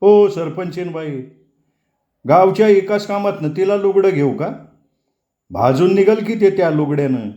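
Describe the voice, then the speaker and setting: A man's voice: high-pitched, expressive, a little slow, long pauses, dark tone, echoey room, highs cut off, voice pushed up. A man voicing a poor, plainspoken village washerman who speaks in rural dialect. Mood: proud.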